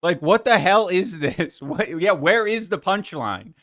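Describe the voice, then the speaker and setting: A man's voice: high voice, expressive, measured pace, fairly bright tone. A man streaming live, reacting to clips with sarcastic, mocking commentary and frequent laughter.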